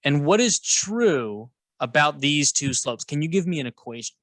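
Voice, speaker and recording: A man's voice: fairly high pitch, animated, moderate pace, fairly bright tone, dry recording. A man teaching math alongside a colleague, playful and jokey, guiding with questions. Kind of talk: co-teaching a lesson, casual banter.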